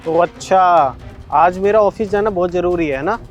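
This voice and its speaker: A man's voice: sits high, measured pace, highs cut off. A man acting a suspicious husband who questions and accuses his wife. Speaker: husband in a short drama. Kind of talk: scripted short-video drama acting. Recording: faint background music.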